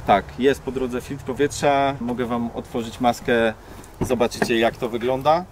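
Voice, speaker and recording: A man's voice: medium pitch, fairly even intonation, moderate pace. A man casually explains a modified off-road vehicle, hands-on and colloquial, as the car builder showing people around it. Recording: clear vehicle and ambient noise.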